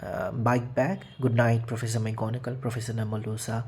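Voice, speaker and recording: A man voicing a huge, shaggy male half-giant groundskeeper who talks in rough, broken sentences, in a storybook reading. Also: medium pitch, flat delivery, a little fast, darkish tone, natural voice. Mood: gruff.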